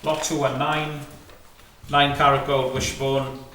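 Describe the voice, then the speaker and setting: A man with a medium-pitched voice calls a fine art auction slowly and in a level tone. His live calling of lots and bids runs on clipped, repeated numbers, short prompting questions, rapid chanted bids and lot descriptions. The indoor saleroom echoes, and the distant mic carries faint noise.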